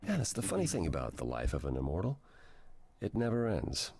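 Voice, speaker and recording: A man voicing Apollo, a brooding and theatrical male god, speaking game dialogue in a measured, evasive way. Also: a bass voice, wildly swooping pitch, creaky, a little mellow, husky, full character voice. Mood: wry.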